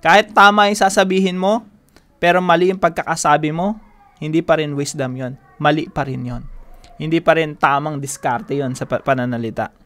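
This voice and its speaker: A man leading a devotional teaching. He talks emphatically, repeats his key phrases and slows down on the English lines. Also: a little high. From Philippines. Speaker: devotion leader.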